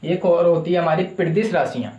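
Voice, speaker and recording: Guy teaching a class, asks then answers his own questions, kinda high voice, echoey room. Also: a little fast, darkish tone, highs cut off. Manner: asks a question, then answers it himself, repeating key terms. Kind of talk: classroom lecture with call-and-response questions.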